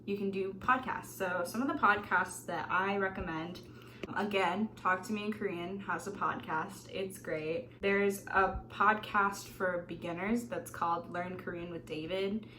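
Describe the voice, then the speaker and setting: A young woman vlogs from her small bedroom, giving casual, self-mocking tips straight to camera in a medium-pitched, unhurried voice. She's chatty and animated, tossing in asides and laughing, over a rough recording with slight background noise.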